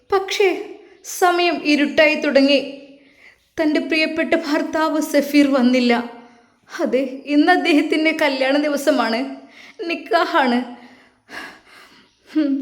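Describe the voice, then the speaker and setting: Woman storyteller, slow dramatic narration, high pitch. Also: echoey room.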